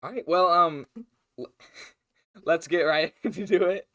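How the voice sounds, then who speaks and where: A man's voice: on the high side, slow, fairly bright tone, no room sound, clean studio sound. A man co-hosting a podcast in casual chat, often breaking up with laughter. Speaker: podcast co-host.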